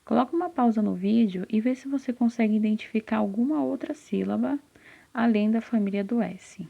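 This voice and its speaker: A woman teaching literacy to first graders in a slow, patient lesson, sounding out syllables and answering her own questions. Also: a little high, creaky. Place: classroom with a whiteboard. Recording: slightly dull, lo-fi sound.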